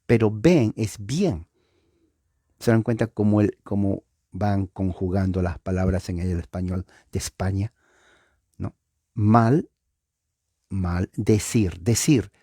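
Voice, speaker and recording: A man's voice: lowish voice, slow, pauses often, warm tone, breathy edge, dry recording, clean studio sound. A man teaching a Bible study, explaining word meanings and often checking that listeners understand.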